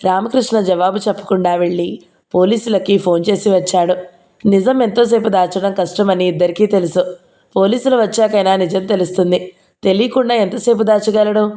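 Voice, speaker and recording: A woman reading a novel aloud in a steady, even storytelling voice. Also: medium pitch, normal speed.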